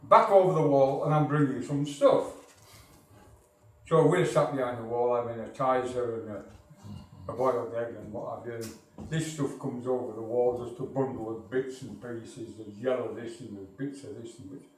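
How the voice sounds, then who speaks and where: Picked up at a distance in a reverberant hall, this older northern English man gives an anecdotal talk to a society, spinning meandering, dryly humorous local history tales. His mid-range voice is a touch mellow, with a steady tone and ordinary speed.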